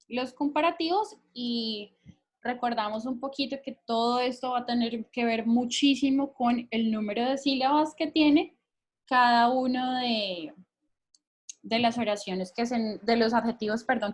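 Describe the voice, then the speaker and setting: High-voiced woman teaching grammar. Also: unhurried. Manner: patient, checks understanding with frequent questions. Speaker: English teacher. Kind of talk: recorded grammar lesson explaining in Spanish.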